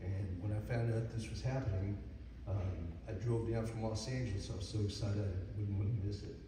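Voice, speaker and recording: A man's voice: on the low side, steady tone, a little fast. A man in his forties giving a hesitant speech at a dedication, with a voice cracking from emotion and many fillers. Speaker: guest speaker at a dedication. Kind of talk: halting personal speech. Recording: echoey hall, mic far off, noisy.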